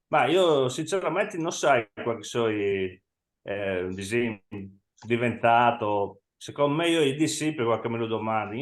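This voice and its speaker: A man with a Friulian accent chatting casually about football as a guest, somewhat hesitant, in echoey room sound. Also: medium pitch. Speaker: podcast guest, Inter fan.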